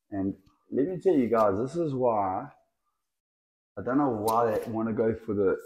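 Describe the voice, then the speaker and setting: A man showing off a lively python outdoors on camera, chatty and laughing, talking to the snake as it wraps around his clip-on mic. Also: fairly low pitch, low-quality recording. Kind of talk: casual hands-on video chat. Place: outdoors in the sun. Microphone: clip-on mic the snake keeps wrapping.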